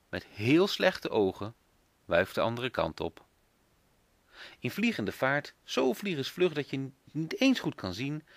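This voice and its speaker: Dad reading a kids' book aloud, very lively pitch, dry close sound. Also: male voice, no room sound. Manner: expressive storytelling.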